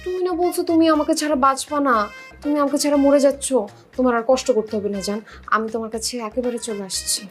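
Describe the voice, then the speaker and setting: A woman acting a clingy young girlfriend in a drama. She coaxes quickly, and faint music plays behind her. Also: high-pitched, fairly even intonation, lightly acted. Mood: coaxing, devoted. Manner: coaxing, endearing terms. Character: clingy, devoted young girlfriend begging to reunite. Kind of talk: Bangladeshi romantic drama acting.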